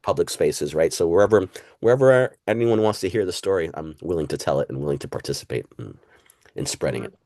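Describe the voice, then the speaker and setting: Fast-talking, with lively intonation and a low, slightly mellow voice, a Puerto Rican man serves as guest historian in a casual interview. He is reflective, full of fillers, asides and "right?". The studio-quality audio has no echo.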